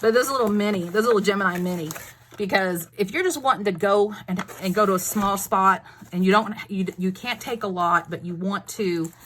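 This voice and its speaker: A woman's voice: mid-range voice, fairly quick, fairly bright tone, slight background noise. A woman with a Texas accent chatting casually about her crafts, rambling with lots of fillers and restarts. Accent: Texan. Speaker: craft vlogger. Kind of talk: casual crafting show-and-tell.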